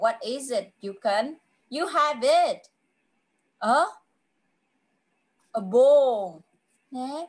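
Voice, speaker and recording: A woman tutoring a child in an online English lesson over a video call. She coaxes him patiently, repeats her questions, and draws her English clues out slowly. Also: sits high. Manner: slow, drawn-out English clues.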